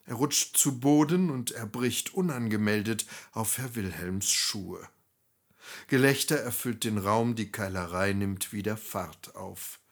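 A man narrating a scripted story in a wry, animated way. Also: lowish voice, a little slow.

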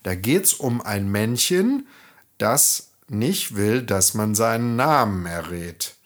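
A man reading a fairy tale aloud to children in an expressive storytelling manner. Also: on the low side, takes it slowly.

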